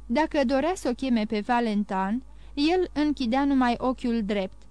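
A woman narrating a classic novel as an audiobook in a steady, measured reading. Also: on the high side, clear, resonant tone, dry recording. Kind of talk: scripted narration.

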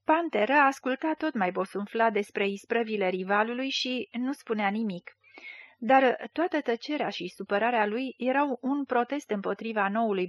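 A woman reading a literary short story aloud in a measured, expressive way. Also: a little high, no room sound, lo-fi sound. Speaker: audiobook reader.

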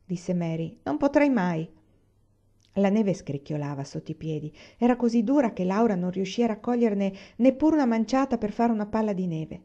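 Mellow-voiced woman reading a story aloud. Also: dull audio. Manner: lifts pitch and level for character quotes. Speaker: audiobook reader. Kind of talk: scripted narration.

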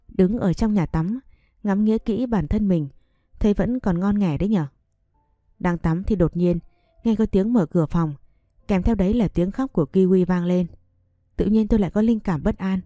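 A woman narrating a first-person family story and reading every role in an even, unhurried way. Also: fairly low pitch, no echo, studio quality.

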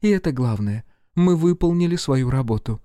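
A man's voice: medium pitch, animated, moderate pace, dark tone, dry recording, clean studio sound, natural voice. A man reading an audiobook voices a cold, determined female agent who gives commands. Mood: stern.

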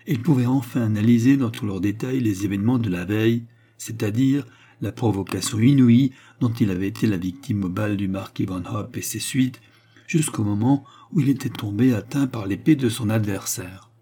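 A male audiobook narrator reading a classic novel in a calm, measured way. His voice is husky and dark, with a mellow, unhurried warmth. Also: fairly low pitch.

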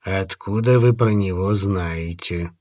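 A woman voicing a guarded male alien prince in a put-on deep, low voice for an audiobook. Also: slow pace, a little mellow, dry recording, clean studio sound, exaggerated voice. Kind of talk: audiobook character voice.

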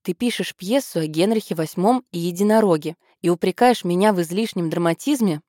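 A woman's voice: fairly low pitch, brisk, warm tone, dry recording, studio quality, close to an everyday voice. A woman voicing a glum, muttering young woman, the eldest sister, in an audiobook.

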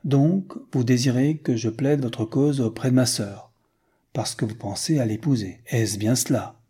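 A man's voice: mid-range voice, measured pace, dark tone, slightly rough. A man voicing a young French count who weighs his words, then speaks with blunt frankness. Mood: probing.

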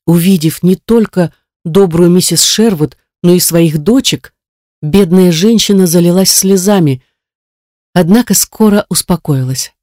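Audiobook narrator, measured storytelling, mellow dark tone, dry studio sound. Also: medium pitch, no room sound. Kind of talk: scripted narration. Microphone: studio microphone.

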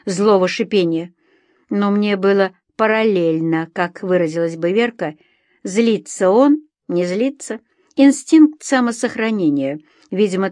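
A woman reading a novel aloud as an audiobook, in an expressive first-person narration. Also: mid-range voice, dry recording, studio quality.

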